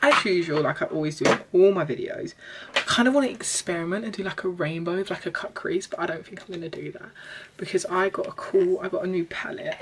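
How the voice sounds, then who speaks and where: A young woman doing a chatty, self-deprecating makeup vlog in her bedroom, sometimes breaking into excited squeals. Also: lowish voice, fast, background noise. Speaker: beauty vlogger. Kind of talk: chatty get-ready-with-me vlog.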